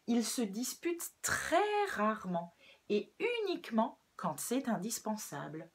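A woman reads a children's story aloud in an unhurried, breathy voice. Her pitch rises and falls in a lively way, keeping young listeners hooked. She tells it gently and clearly.

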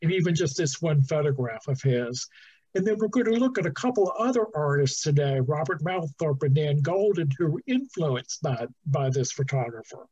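Husky middle-aged docent on a dull call. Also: male voice, a little high, moderate pace. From New Jersey. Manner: relaxed, chatty, with fillers and restarts. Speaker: museum docent. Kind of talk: guided talk over video call. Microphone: video call. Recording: dull lo-fi video call audio.

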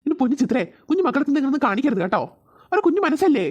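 A woman voicing a worried middle-aged cartoon father who scolds gently and talks in a rush. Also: sits high, very animated, rapid-fire. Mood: gentle scolding.

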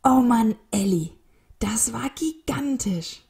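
A woman's voice: mid-range voice, moderate pace, a little mellow, lightly acted. A woman voicing a worried male albatross, a weary flock leader who pleads in a raised, strained voice in a storybook reading. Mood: overjoyed. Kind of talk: storybook read-aloud.

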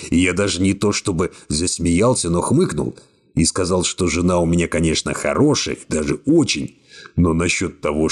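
Husky, expressive male audiobook narrator. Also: low voice. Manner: expressive, wry storytelling. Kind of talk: scripted narration.

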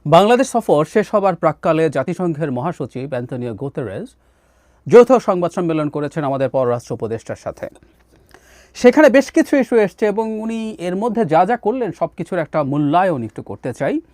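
Man, solo political commentary, animated, filler-heavy, dry recording. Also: fairly high pitch, a little fast, dry recording. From Bangladesh. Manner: animated, drops into English phrases, many "ah" fillers.

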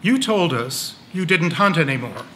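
A man playing a brisk police officer asking curt, direct questions on a live stage. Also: a little high, very animated, a bit bright, a little hiss or hum. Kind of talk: amateur stage play.

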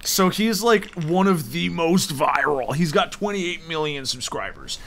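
A young man co-hosting a comedy podcast, deadpan and laid-back as he explains things in casual chat. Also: a little high, a little slow, gravelly. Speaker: podcast co-host.

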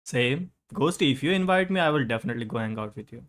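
Young male streamer, Indian English accent, mid-pitched voice, playful and teasing with chat. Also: lively intonation, quick pace, a bit bright. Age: young adult. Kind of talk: casual live-stream chat.

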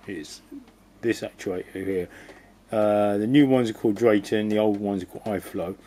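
A man's voice: on the low side, normal speed, warm tone. A man giving a rambling, casual walkthrough of a boiler repair, often restarting his sentences and adding jokey asides. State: cold. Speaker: DIY video host.

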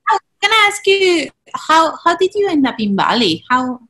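A woman's voice: very high voice, very animated, moderate pace, sharp tone. A woman hosting a podcast interview over a video call from her living room, asking curious, encouraging questions. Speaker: podcast host. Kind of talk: casual interview chat. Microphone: laptop webcam on a video call.

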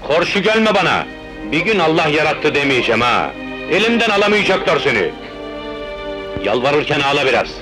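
A bullying, gruff exploiter. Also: male voice, on the high side, very animated, moderate pace, long pauses, loud music behind the voice, rough recording. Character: harsh man exploiting a child street seller. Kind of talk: 1970s dubbed film acting.

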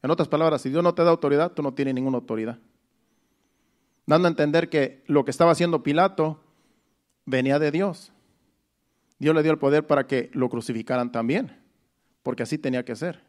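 A male preacher giving a Sunday sermon in a somewhat high voice. He works slowly through the scripture, restating each verse in everyday words. He circles back often, repeating his phrases for emphasis. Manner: deliberate, explanatory preaching.

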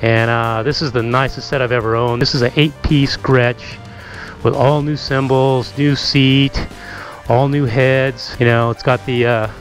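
A man in middle age giving a casual, relaxed tour of his home garage, talking through a helmet-mounted camera mic with lots of ums and asides. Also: medium pitch, measured pace, soft background music. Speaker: motovlogger.

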